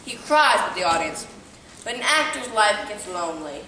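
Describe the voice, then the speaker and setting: A woman playing a rotund, pompous, flamboyant Victorian actor, a gentleman with florid, grandiose theatrical delivery. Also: medium pitch, big pitch swings, moderate pace. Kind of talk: theatrical stage comedy acting. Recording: echoey, distant, noisy amateur stage recording.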